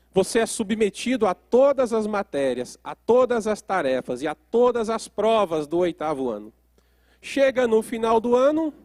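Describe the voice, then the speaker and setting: High-voiced man lecturing an audience. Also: a little mellow, no echo, clean studio sound. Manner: questions the audience often, storytelling. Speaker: therapist giving a lecture.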